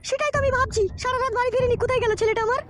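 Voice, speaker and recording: A woman playing a shrill worried village mother. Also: steady tone, very fast, fairly bright tone, slight background noise. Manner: shrill, scolding and pleading. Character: worried nagging village mother arguing with her husband. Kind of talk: comic audio drama. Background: background music.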